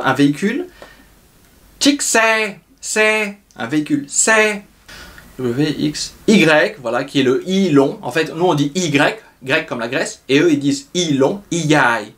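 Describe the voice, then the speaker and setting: A young man teaching a pronunciation lesson, patiently explaining each sound and repeating it several times. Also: on the high side. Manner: explains slowly, repeating sounds and drawing them out. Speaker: language teacher.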